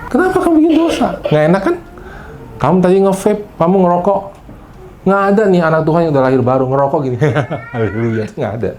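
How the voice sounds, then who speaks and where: A man's voice: a little high, quick pace, a little mellow, slight background noise. A male pastor giving a casual, conversational sermon in a church hall, chatty and teasing, often turning to the congregation and mixing in English phrases.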